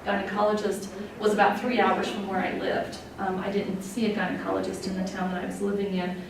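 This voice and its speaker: A woman's voice: mid-range voice, completely flat delivery, brisk, distant mic. A woman in her forties tells her own story in a candid, heartfelt talk, with plenty of ums as she goes. Her mid-range voice comes from well back from the mic in a very echoey room. A faint hiss sits under the recording. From Wyoming, USA. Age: 40s. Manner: candid, conversational, many fillers, openly emotional. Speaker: nurse executive telling her patient story. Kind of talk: personal testimony talk.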